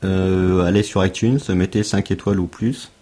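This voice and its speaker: Husky low-voiced man, casual podcast chat. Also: little pitch movement, normal speed, dark tone. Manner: rambling, joking, many fillers. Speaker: podcast co-host.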